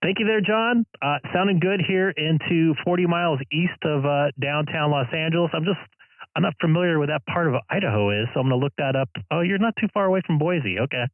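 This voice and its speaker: A man with a fairly high voice works as an amateur radio operator, calling and chatting on the air. He is friendly and a bit hesitant, spelling call signs phonetically. The audio is muffled and narrow. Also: brisk, slight background noise. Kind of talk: ham radio call, casual on-air exchange.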